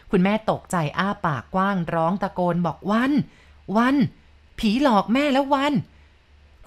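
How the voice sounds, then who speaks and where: A woman narrating a ghost story in a calm, polite and measured way. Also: on the low side.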